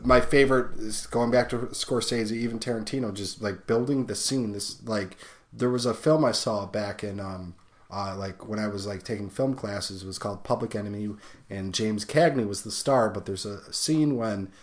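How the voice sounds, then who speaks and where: A man's voice: fairly low pitch, moderate pace. A young man co-hosting a casual podcast chat, talking in rambling, profane asides. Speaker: podcast co-host.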